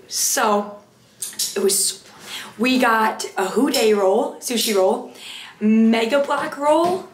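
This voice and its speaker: A woman's voice: on the high side, roomy sound. A woman in casual vlog talk to camera, bubbly and chatty, full of "like" and "you guys,". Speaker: vlogger.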